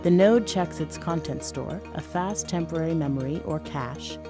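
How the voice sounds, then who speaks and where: Woman doing scripted explainer narration, pretty low voice, measured, music underneath. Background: background music.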